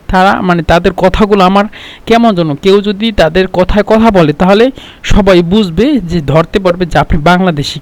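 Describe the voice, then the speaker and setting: A man with a high voice gives a relaxed spoken language lesson. He explains patiently, fills pauses with hesitations, and repeats each example phrase several times. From Bangladesh. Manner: explains slowly with many fillers and repeated examples. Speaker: Arabic language teacher.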